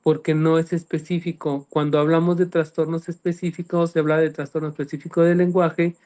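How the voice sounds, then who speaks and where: A man's voice: on the high side, little pitch movement, brisk, darkish tone. A man, a speech-language specialist, explaining clinical terms in a panel talk and often checking that listeners follow. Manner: didactic, checks understanding with "¿sí me explico?".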